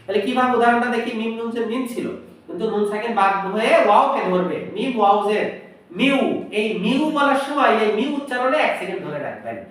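A man teaching Quran pronunciation, spelling out each letter and vowel, then repeating the words slowly, sometimes in a chant. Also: very high-pitched, expressive, fairly bright tone, heavy reverb, far from the mic, poor audio. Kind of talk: step-by-step pronunciation lesson.

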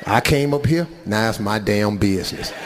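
A middle-aged man doing stand-up comedy, telling a story in an animated, loud, rambling way. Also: lowish voice, moderate pace, long reverb tail, some chatter behind, slight background noise. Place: comedy club stage.

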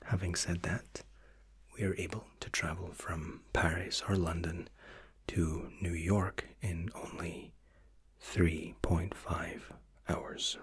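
Whispered role-play: man as formal, reassuring flight attendant, low-pitched, unhurried, close-miked. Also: fairly bright tone, slightly rough, full character voice. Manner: flight attendant's formal, soothing service patter.

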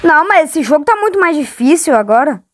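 A woman's voice: high voice, big pitch swings, a little fast, dry recording, faint music behind. A woman with a Brazilian accent giving casual, exclamatory, complaining commentary as a gamer playing along.

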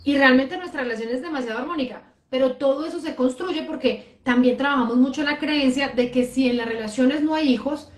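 A woman's voice: high voice, brisk, few pauses, echoey room. A woman host talking casually about her relationships, telling personal anecdotes in a conversational way. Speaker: host, life coach. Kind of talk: casual chat.

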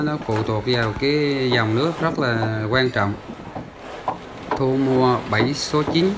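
A man hosting a fishing vlog, narrating casually from a boat in a harbor, with many fillers and restarts. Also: medium pitch. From Vietnam. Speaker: fishing channel host. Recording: loud wind and ambient noise.

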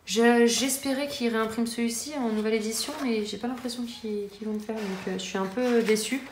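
A woman's voice: on the high side, steady tone, brisk. A woman in her thirties casually chatting about her coloring books, full of fillers and restarts. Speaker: coloring-book vlogger. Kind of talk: casual chat showing her book collection. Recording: echoey room with faint noise.

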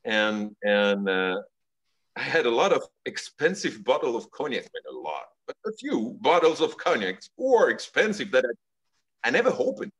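A middle-aged man from Belgium, a guest telling stories in a relaxed way over a video call from his home study. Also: medium pitch, normal speed, husky, poor audio. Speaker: guest, cigar company executive.

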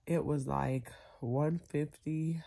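This is a casual vlog by an American woman in her thirties who is lying back in bed after nose surgery, head aching. She speaks in a low, warm, steady tone, her voice blocked up and nasal, pausing tiredly as she goes. A camera or phone records her at close range in the bedroom, and background noise comes through clearly.

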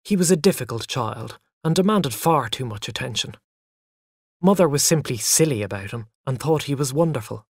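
A narrator telling a first-person story for English learners in a lively way. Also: medium pitch, normal speed, breathy edge, dry recording.

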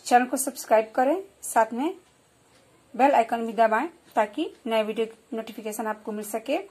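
A woman giving a slow, clear children's lesson, explaining and repeating example words. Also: fairly high pitch, a little mellow. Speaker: primary school teacher.

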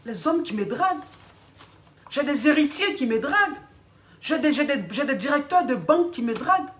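Indignant vain young client, put on by a woman, whiny and pleading, slightly high. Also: lively intonation, moderate pace, fairly bright tone. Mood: boastful pleading. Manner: whining, pleading, repeats "coach" constantly.

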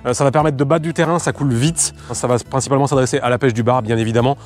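Fast-talking guy explaining outdoors. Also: mid-range voice, steady tone, soft background music. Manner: fast, loose explanations with many fillers. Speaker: fishing lure presenter. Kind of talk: casual product demo. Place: outdoors by the water.

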